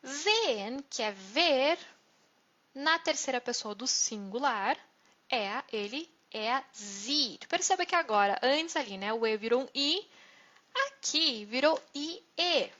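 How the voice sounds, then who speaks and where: High-voiced Brazilian woman teaching German. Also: lively intonation, slow, fairly bright tone. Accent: Brazilian Portuguese. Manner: explanatory, checks in with frequent "né?" and "ok?". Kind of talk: live online lesson. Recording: dull lo-fi sound.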